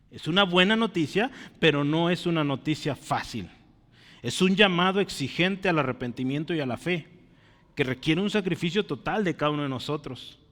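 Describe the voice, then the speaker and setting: In an earnest church sermon, a man keeps asking his congregation questions. His voice is fairly high and a bit bright, and the hall adds long reverb.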